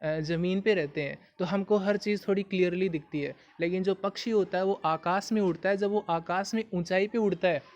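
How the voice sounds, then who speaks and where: High-voiced man teaching idioms. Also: a little fast, few pauses, dull audio. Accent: Hindi. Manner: patient, repetitive explanations, asks the viewer questions. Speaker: English teacher. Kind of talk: explaining idioms in a video lesson.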